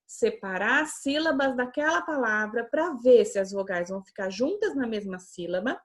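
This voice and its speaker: Young Brazilian woman teacher explaining things patiently to kids, stretching out her examples, with a slightly high voice. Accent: Brazilian Portuguese. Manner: patient, slow and drawn out on example words, checks in with "tá?". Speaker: schoolteacher. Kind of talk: remote class lesson for children.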